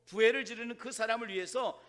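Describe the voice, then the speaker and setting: A male pastor preaching a sermon to his congregation. He is animated, acts out quoted complaints and drops to hushed asides. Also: very high voice, quick pace. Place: church sanctuary. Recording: reverberant church sanctuary.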